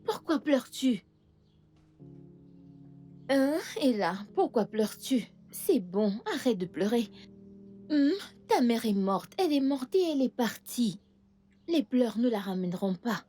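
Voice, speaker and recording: A woman's voice: a little high, animated, measured pace, long pauses, dark tone, faint music behind. A woman voicing a bossy aunt in a French film dub, scolding and impatient with her niece. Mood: coaxing. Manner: scolding and impatient toward the girl.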